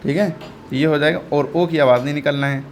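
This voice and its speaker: Man, English reading teacher, patient, repeats sounds, fairly high voice, faint hiss behind. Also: fairly even intonation, a little fast. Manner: patient, repeats each sound and quizzes the learner. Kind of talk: step-by-step phonics lesson.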